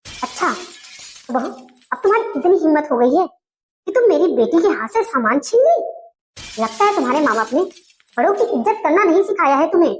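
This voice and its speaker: A woman's voice: high-pitched, big pitch swings, brisk, pauses often, soft background music. A woman playing a domineering, scheming mother-in-law who scolds and complains in a comedy skit. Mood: bossy. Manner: bossy, scolding, tearful complaining.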